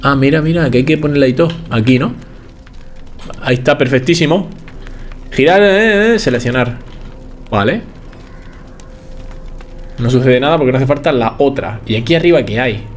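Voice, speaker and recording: A man's voice: mid-range voice, normal speed, long pauses, soft background music. A man from Spain with a Spain Spanish accent, giving chatty let's play commentary to his viewers and swearing casually. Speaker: gaming YouTuber.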